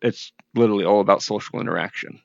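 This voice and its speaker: Man on a choppy, cutting-out VR voice chat with a gravelly tone. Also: on the low side, fast talker, no room sound, muffled recording. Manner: rambling, restarts his sentences. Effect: choppy voice chat audio that keeps cutting out. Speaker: interview host. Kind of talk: casual live-stream interview in VR. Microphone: headset mic in VR.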